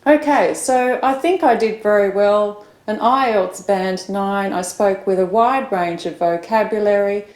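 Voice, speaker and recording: Australian woman, middle-aged, English teacher; slow, filler-heavy practice talk. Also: medium pitch, a little mellow. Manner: unhurried, with many fillers.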